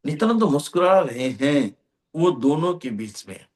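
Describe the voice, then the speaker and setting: A man, a swami, giving a sermon: he chants scripture verses and then explains them, slow and emphatic. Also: fairly high pitch, very animated.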